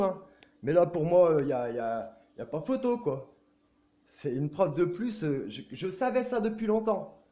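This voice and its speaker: High-voiced, insistent French-speaking man. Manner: insistent and repetitive, often seeking agreement; excitable, with casual swearing. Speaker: video blogger. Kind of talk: casual talk to camera.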